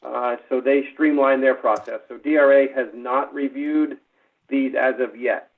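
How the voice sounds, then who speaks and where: A man dialing in by phone to a meeting, explaining things in a measured way with occasional fillers, heard over the phone line. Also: medium pitch, fairly even intonation, vocal fry. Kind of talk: meeting discussion.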